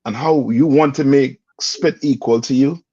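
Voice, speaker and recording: A man with a medium-pitched, slightly mellow, husky voice speaks at a moderate pace, with no echo. He's an instructor running a call-and-response religious class, quizzing students and pushing them for answers. The lo-fi recording sounds dull and dry.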